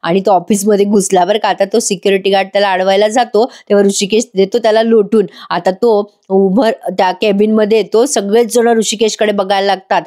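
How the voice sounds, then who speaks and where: A woman's voice: mid-range voice, steady tone, a little fast, few pauses, warm tone. A woman narrating a voice-over recap of a TV serial episode, chatting directly to her viewers. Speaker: TV serial reviewer.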